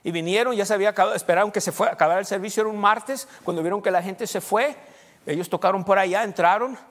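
A man preaching a sermon as pastor, quizzing the congregation and rushing through bursts of speech. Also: high voice, fairly bright tone, big-room sound. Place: church sanctuary.

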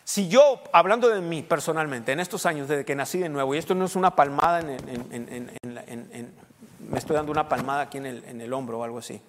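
A middle-aged man preaching a sermon as pastor, emphatic and rising to loud peaks as he counts off his points. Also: a little high, fast, slight background noise. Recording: long hall reverb.

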